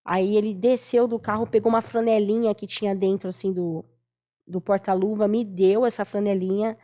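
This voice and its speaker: A woman's voice: medium pitch, fairly even intonation, normal speed, warm tone. A Brazilian woman in her forties giving an emotional personal testimony as a guest, earnest and storytelling, acting out the voices she quotes. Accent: Brazilian Portuguese. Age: 40s.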